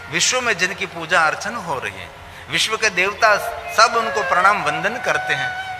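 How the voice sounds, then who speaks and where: Brief: the goddess Parvati speaking earnestly, in a high-pitched male preacher's voice, with devotional music behind. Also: long reverb tail. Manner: earnest, instructive. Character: the goddess Parvati addressing women.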